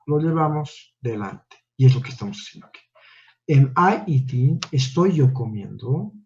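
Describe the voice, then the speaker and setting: A man with a fairly high but dark-toned voice delivers a step-by-step classroom lecture, heard through muffled audio. He regularly checks in with listeners, ending lines with tag questions like "¿no?" and "¿ya?".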